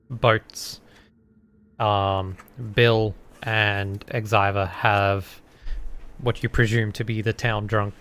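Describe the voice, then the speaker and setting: A man casually narrating a tabletop game as game master, pausing often to think. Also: fairly low pitch, a bit bright, clean tone.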